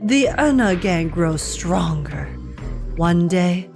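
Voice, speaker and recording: A man's voice: high-pitched, lively intonation, takes it slowly, vocal fry, soft background music, exaggerated voice. A man voicing a huge, ancient creature prophet in a video game, with a solemn, weighty prophet delivery. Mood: solemn, welcoming. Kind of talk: video game character acting.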